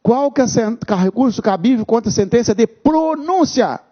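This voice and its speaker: Animated, husky-voiced male law teacher. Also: very high-pitched, normal speed. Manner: emphatic, repeats key terms, checks in with listeners. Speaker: law instructor. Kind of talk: exam-prep law lecture. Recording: dull lo-fi lecture recording.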